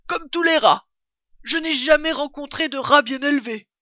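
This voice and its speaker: A woman voicing a hearty male badger who talks in a loud, blustering way. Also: on the low side, takes it slowly, dry recording, highs cut off, heavily acted. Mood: indignant.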